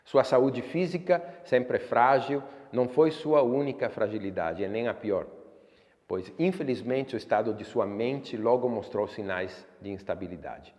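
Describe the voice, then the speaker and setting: A man giving a music history lecture as a violinist, reading a scripted narration in a measured, expressive way. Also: medium pitch. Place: room at home for an online class. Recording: long reverb, dull lo-fi sound.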